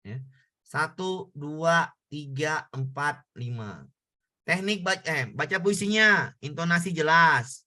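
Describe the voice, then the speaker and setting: A man's voice: on the high side, expressive, slow, bright, forceful tone. A man tutoring students in an online exam-prep lesson, repeating points and checking whether they understand. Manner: repetitive, coaxing questions to students.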